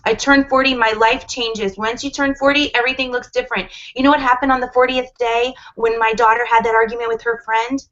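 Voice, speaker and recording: Woman, 40s, livestream guest, earnest, rambling, a bit high-pitched, lo-fi audio. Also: steady tone, fairly quick, hardly any pauses, fairly bright tone. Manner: earnest, rambling with many restarts. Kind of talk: casual livestream chat.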